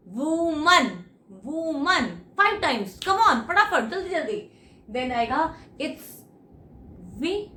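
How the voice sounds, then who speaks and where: Lively woman teaching English. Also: sits high. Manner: lively, coaxing, urges viewers to repeat after her. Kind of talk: online English lesson in Hindi. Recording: echoey room with faint background noise.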